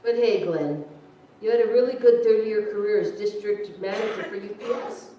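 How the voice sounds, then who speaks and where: A woman's voice: mid-range voice, normal speed, warm tone, lo-fi sound, natural voice. A woman playing a wry grown daughter in a staged reading, conversational in delivery. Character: Sharon, dry, wry grown daughter and schoolteacher. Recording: echoey hall, distant mic.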